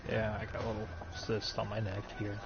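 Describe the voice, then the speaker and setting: A man's voice: fairly low pitch, monotone, a little fast, creaky, loud music behind the voice. A man streaming a video game, talking casually and jokily as he plays. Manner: chatty, rambling, jokey. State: has the hiccups. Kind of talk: casual gameplay commentary. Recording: dull lo-fi mic with noisy background.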